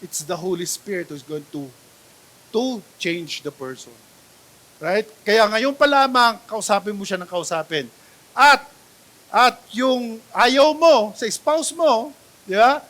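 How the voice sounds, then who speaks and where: A male pastor with a Filipino accent preaching a sermon, mixing Tagalog and English, swinging between loud exclamations and quiet asides and often checking in with the congregation. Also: high-pitched, animated, slow pace.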